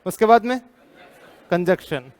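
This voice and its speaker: A man's voice: high voice, measured pace, clean tone, some chatter behind. An Indian man teaching a live class, drilling students with repeated questions, firm and teasing.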